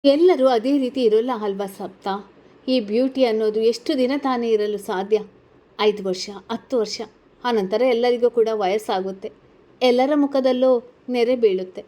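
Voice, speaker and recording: A tearful, guilt-ridden young college girl, as a woman reader puts her on. Her voice sits fairly high but sounds soft and mellow. She speaks in an anxious, questioning way, close to tears. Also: moderate pace, close to an everyday voice. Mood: earnest. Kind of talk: storybook character reading.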